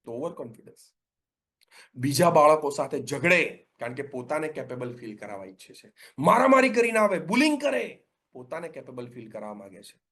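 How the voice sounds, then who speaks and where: A middle-aged man coaching parents in a webinar. His voice sits high, and he talks in an animated way. He swings into the voices of children and parents as he explains. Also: a little fast.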